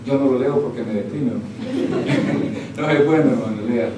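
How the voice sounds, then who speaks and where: A man's voice: mid-range voice, quick pace. A man preaching a sermon as pastor, peppering his talk with "brother" and rhetorical questions, heard from a distance in a very echoey church hall. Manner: addresses listeners as "hermano" constantly, rhetorical questions. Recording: very echoey hall, speaker far from mic, faint noise.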